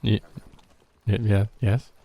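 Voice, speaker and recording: A man's voice: fairly low pitch, little pitch movement, slow, creaky, mellow. A man playing a tabletop game, hesitant and stumbling over names. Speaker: player. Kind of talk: casual tabletop play.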